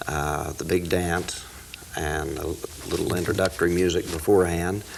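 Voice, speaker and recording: A man from the United States speaking as an interview guest in a deliberate, folksy storytelling way. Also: deep voice, level tone, vocal fry, a little hiss or hum. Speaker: interview guest, cowboy poetry expert. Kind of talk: informal interview talk with recited verse.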